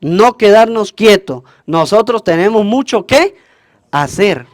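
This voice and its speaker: A man's voice: high voice, expressive, slow pace, no room sound, clean studio sound. A man, a priest, preaching a homily at Mass, asking the congregation questions and answering them himself. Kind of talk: call-and-response homily at Mass.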